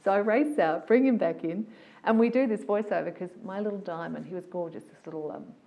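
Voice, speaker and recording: A woman, a voiceover artist telling stories about her career in a casual, animated, enthusiastic interview. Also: medium pitch, fairly quick, highs cut off.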